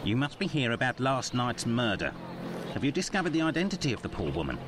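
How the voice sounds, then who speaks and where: A man's voice: medium pitch, wildly swooping pitch, fast. A man playing a timid, obliging male building caretaker in a video game, chatty and a little nervous. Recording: game audio with street noise.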